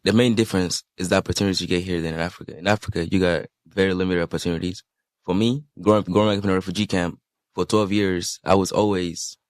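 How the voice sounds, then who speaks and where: A man's voice: sits low, no room sound, studio quality. A teenage boy from Sudan, interviewed for youth radio, speaking in an earnest, reflective way. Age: teens.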